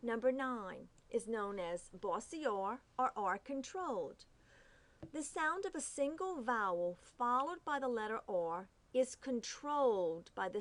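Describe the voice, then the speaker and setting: A woman teaching a phonics lesson, carefully saying each letter sound and repeating it. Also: medium pitch. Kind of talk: slow, deliberate phonics lesson.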